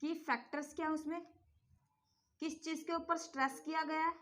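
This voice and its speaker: A woman's voice: high-pitched, steady tone, a little fast, a bit bright. A woman teaching a class, lecturing and teasing and scolding her students as she explains.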